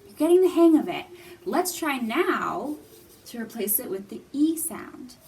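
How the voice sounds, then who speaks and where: In a sing-song, high-pitched, slightly mellow voice, a woman speaks a little slowly while leading a singalong storytime for young children in a library room. She's encouraging and playful and keeps explanations simple. A distant mic captures background room noise.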